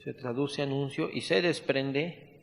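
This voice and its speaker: Mexican male Bible teacher, unhurried dictation with chatty asides, medium voice, reverberant hall. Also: medium pitch, creaky. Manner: slow, spelled-out dictation mixed with conversational asides. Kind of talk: Bible study lesson, dictating notes.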